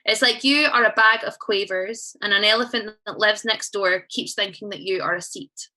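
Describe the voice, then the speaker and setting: A woman's voice: mid-range voice, normal speed, bright, forceful tone, rough recording. A young Scottish woman performing spoken word poetry live, chatty and sweary as she tells stories between poems. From Scotland. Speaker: poet. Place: live stage event.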